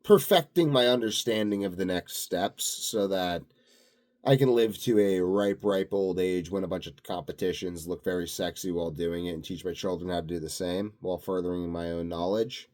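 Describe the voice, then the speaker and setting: In a deep, darkish voice at normal speed, a man holds forth in an unscripted vlog, musing aloud. Styling himself an expert in health and sleep, he comes across as grandiose and self-assured.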